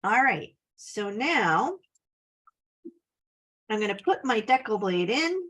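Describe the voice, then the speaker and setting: A woman's voice: fairly high pitch, big pitch swings, slow, fairly bright tone. A woman giving a casual, chatty scrapbooking tutorial, upbeat and full of little laughs. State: slight cough. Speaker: scrapbooking instructor.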